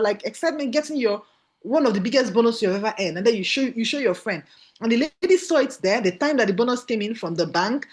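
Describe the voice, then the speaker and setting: Nigerian woman trainer, very animated delivery, emphatic, repeats points for the room. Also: a little high. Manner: emphatic, repeats key phrases, asks listeners for agreement. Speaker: business trainer. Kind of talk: motivational training talk.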